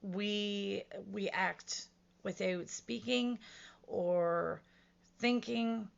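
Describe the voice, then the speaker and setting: Earnest woman in her thirties, gravelly. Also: mid-range voice, fairly even intonation, drawn-out words, highs cut off. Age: 30s. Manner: earnest, conversational, full of fillers and restarts. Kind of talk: casual personal talk to camera.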